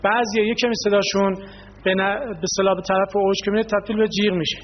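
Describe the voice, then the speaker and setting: A man's voice: high-pitched, level tone. A man teaching a voice skills workshop, explaining and putting questions to the group. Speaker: workshop instructor. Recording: dull lo-fi sound in an echoey hall.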